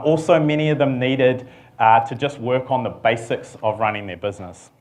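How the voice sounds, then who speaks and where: Speaking in a mid-range voice, a middle-aged Kiwi CEO delivers a laid-back conference talk. His humor is dry, and ums crop up often.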